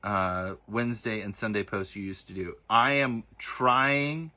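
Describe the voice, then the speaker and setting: A lowish, sharp-toned male voice at a measured pace belongs to a livestream host replying to viewer comments. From the Southern United States, he has a light, partly masked Southern accent and a casual, hesitant delivery packed with fillers and restarts.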